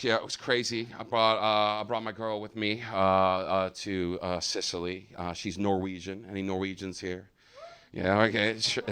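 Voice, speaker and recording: A young American man doing a stand-up comedy set on stage, loud and swearing, his voice jumping high on punchlines. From United States. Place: comedy theater with a live audience.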